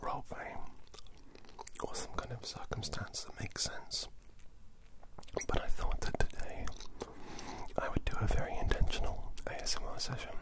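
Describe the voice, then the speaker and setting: British man whispering soft ASMR. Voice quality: breathy, unvoiced whisper. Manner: soft, apologetic, unhurried. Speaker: ASMR content creator. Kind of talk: whispered intentional ASMR, ear-to-ear. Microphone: close stereo microphone, ear to ear.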